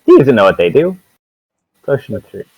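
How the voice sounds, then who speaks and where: A man's voice: medium pitch, wildly swooping pitch, normal speed, breathy edge, dry recording, lo-fi sound. A man acting as game master, narrating a tabletop game casually and playfully, with swearing and sound effects.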